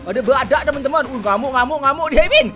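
Over loud game music, a woman hosting a gaming video gives excited Minecraft commentary in a high, shrieking voice. She talks fast and animatedly to viewers, shrieking and shouting in mock panic.

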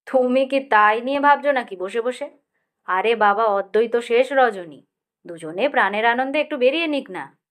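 A woman's voice: on the high side, lively intonation, normal speed, lightly acted. Laid-back middle-aged husband, read by a woman, teasing tone, storybook. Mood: easygoing. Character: easygoing middle-aged husband, firm when needed.

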